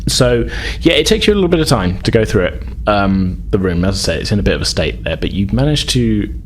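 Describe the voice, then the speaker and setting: A man with a very low voice acts as game master for a tabletop roleplaying game, improvising conversationally and hedging as he narrates. He is very animated and fast, and there is slight background noise.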